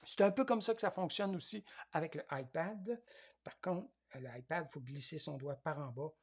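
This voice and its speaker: Hesitant, gravelly man with a Quebec accent. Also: fairly high pitch, moderate pace. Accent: Quebec French. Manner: hesitant, thinking aloud, many fillers. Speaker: tablet course instructor. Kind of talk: live class demonstration.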